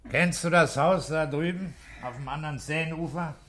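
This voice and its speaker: An actor playing a gruff, middle-aged police commissioner with a brusque, authoritative manner in a 1960s German radio play. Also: male voice, on the high side, moderate pace, fairly bright tone, a little hiss or hum, natural voice. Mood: irritated, urgent.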